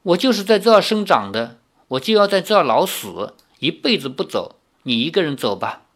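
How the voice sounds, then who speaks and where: A grieving young girl, as a male narrator puts her on, plaintive and near tears. Her voice sits higher and rises and falls a lot. An audiobook story. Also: sing-song, normal speed, fairly bright tone, exaggerated voice. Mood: stubborn grief.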